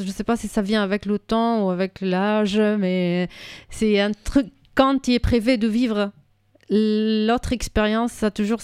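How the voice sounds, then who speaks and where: A woman from Syria with an Arabic accent, a poet answering interview questions thoughtfully, with many pauses and restarts. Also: mid-range voice, darkish tone, clear, resonant tone, dry recording, clean studio sound. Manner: hesitant, many restarts and fillers.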